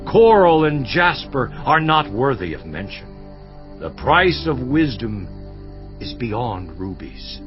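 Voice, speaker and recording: An actor playing Job, an aging afflicted man, declaiming scripture slowly and solemnly in a dramatized audio Bible, over a dull, lo-fi recording with faint music behind. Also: mid-range voice, sing-song.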